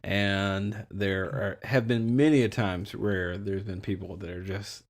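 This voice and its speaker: A man with a slight lisp, co-hosting a podcast in relaxed, rambling casual chat. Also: lowish voice, a little slow. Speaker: podcast co-host.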